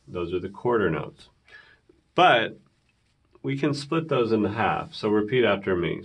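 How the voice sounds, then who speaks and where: Low, slow, gravelly piano teacher man. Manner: counts rhythms aloud, invites viewers to repeat. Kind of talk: beginner music lesson.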